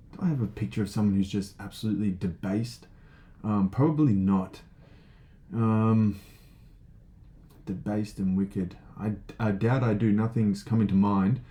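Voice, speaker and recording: This male teacher speaks in a deep, mellow tone and keeps his lesson easygoing, reasoning out loud with lots of filler words and frequent checks of "right?" Passages get read slowly, every word sounded out with care.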